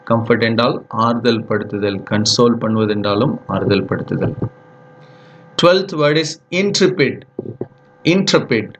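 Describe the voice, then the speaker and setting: A man with a Tamil accent teaching English vocabulary, repeating each word slowly to show how it is said. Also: mid-range voice. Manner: slow, repeats words for pronunciation, mixes Tamil and English. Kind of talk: vocabulary lesson.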